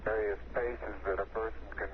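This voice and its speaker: A man speaking as an astronaut on the moon over a two-way radio link, halting with fillers and pauses. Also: lowish voice, fairly even intonation, narrow, tinny audio. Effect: heard over a two-way radio link from space. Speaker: astronaut on the lunar surface. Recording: thin radio transmission with faint hiss.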